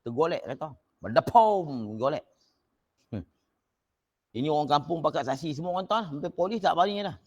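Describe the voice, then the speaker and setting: A man, a religious teacher telling an anecdote in an online class in an animated way, his voice jumping up when he gets excited. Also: on the high side, fast, pauses often.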